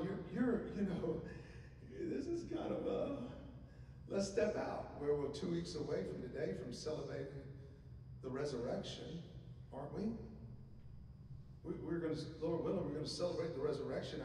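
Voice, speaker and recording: Middle-aged guy preaching, high voice, chatty q's to the crowd, big echoey church hall, a bit far from the mic. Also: dark tone, slight background noise. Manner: conversational, asks the congregation questions. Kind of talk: sermon. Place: church stage at a pulpit. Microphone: handheld microphone.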